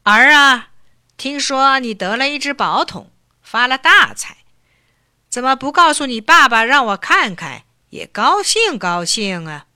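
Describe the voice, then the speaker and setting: A woman voicing a greedy, nagging old father in a storybook tale, loud and pleading with drawn-out words. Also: high-pitched, sing-song, dry recording, studio quality, voice pushed up, exaggerated voice. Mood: wheedling, shouting. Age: older.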